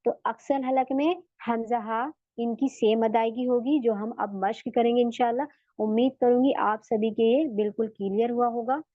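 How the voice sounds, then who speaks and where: A woman teaching an online recitation class, explaining patiently and repeating sounds slowly for students to copy. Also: a little high, fairly even intonation, dry recording, phone-quality sound.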